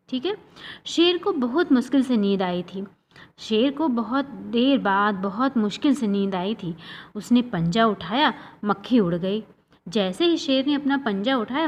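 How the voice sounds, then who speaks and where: A woman teacher walks young children through a story, pausing to explain each hard word and checking in with them often. Her voice sits a little high. The recording sounds dull and lo-fi.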